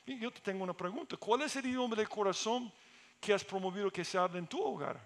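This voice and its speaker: High-voiced pastor preaching with fervor. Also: male voice, quick pace. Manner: earnest, rising to emphatic peaks. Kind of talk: sermon.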